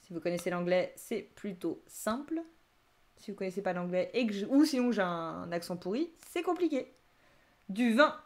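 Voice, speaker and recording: A young woman with a slightly high voice runs a live-streamed Japanese lesson. She talks in a lively, chatty way, laughing often as she reacts to viewers' answers. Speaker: Japanese teacher.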